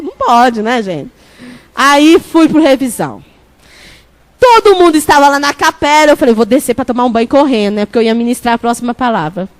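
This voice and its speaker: A woman bishop preaching a sermon, telling a personal story with lively animation and calling out to the congregation. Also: a little high. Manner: animated storytelling, shouting at peaks; lively, laughing, addresses crowd as "gente".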